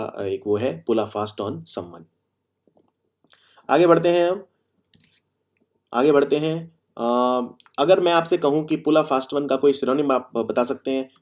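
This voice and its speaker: A man teaching vocabulary. He explains each word through everyday examples, repeats key phrases, and reads the example sentences slowly and deliberately. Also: a little high, a little mellow. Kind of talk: Hindi-English vocabulary lesson.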